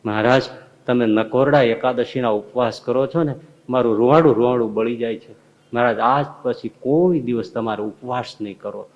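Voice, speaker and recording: A male preacher acting out a devoted elderly aunt who pleads softly and earnestly on her lord's behalf. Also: normal speed, highs cut off, lightly acted. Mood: earnest pleading. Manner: soft, low and earnest.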